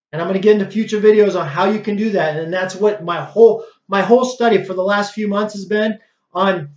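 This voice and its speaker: A chiropractor talking straight to his viewers about lifestyle and health, earnest and preachy, calling them "guys" again and again. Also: high voice. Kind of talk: direct-to-camera health talk. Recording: roomy and slightly dull.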